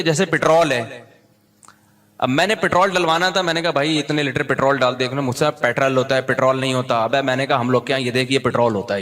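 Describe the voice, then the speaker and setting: A man's voice: a little high, fairly bright tone. A man giving a religious lecture, reciting verses in a chanted cadence and then explaining them in a casual, joking manner with everyday examples. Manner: conversational, teasing asides, everyday examples. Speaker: Islamic preacher.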